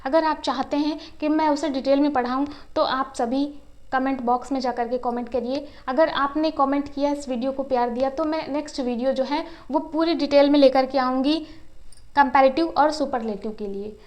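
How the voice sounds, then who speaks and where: A woman teaching an English grammar lesson in a classroom style. She asks questions and answers them herself, and she spells words out slowly, syllable by syllable. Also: sits high, steady tone, darkish tone. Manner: slow, syllable-by-syllable word spelling.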